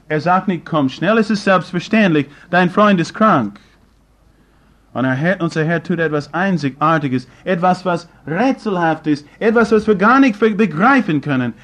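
Male preacher, high-pitched and slow-paced; rhetorical, dynamic sermon delivery with slightly broken grammar. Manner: rhetorical questions to the congregation, swinging between loud and hushed.

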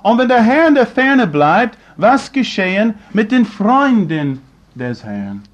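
A man preaching a sermon in slightly broken German, firing rhetorical questions at the congregation and swinging between loud and hushed. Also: high voice, big pitch swings, slow, dull audio.

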